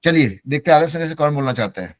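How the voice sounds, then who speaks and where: A man's voice: fairly high pitch, expressive, rapid-fire, no room sound. A middle-aged man, a native Hindi speaker, teaching an online English class and mixing Hindi with English as he encourages his students.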